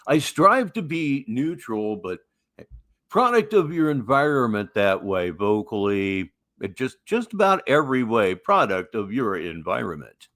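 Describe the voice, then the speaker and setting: A man's voice: medium pitch, big pitch swings, unhurried, a bit bright, no room sound, studio quality. An older American man with a Midwestern accent, hosting a casual livestream with folksy, musing, wry commentary. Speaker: livestream host.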